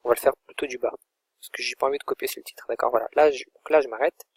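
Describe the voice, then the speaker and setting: A man in an informal, think-aloud software tutorial, talking his viewers through each click as he goes. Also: medium pitch, steady tone, racing, husky, no echo. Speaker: online course instructor. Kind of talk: screen-recorded software tutorial.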